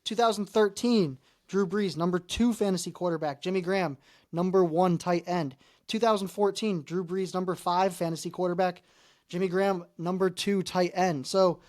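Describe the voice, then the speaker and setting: A man co-hosting a podcast, chatting casually about fantasy football and running through stats with fillers and pauses. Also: high voice. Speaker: podcast co-host.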